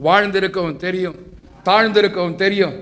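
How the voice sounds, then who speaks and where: High-voiced man preaching a sermon. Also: steady tone, fairly quick, fairly bright tone. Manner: preaching with rhetorical questions and call-and-response. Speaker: pastor. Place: church.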